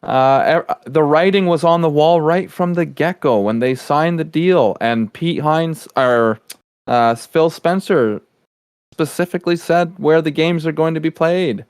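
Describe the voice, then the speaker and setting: A man's voice: a little high, unhurried, smooth, no echo, clean studio sound. A man co-hosting a casual gaming podcast, explaining his view in an earnest way. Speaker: podcast co-host.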